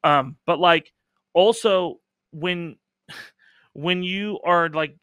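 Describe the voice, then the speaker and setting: A man's voice: high voice, drawn-out words, a bit bright, clean tone, no room sound. A man hosting a casual podcast chat, talking emphatically with lots of fillers and casual swearing. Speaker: podcast host.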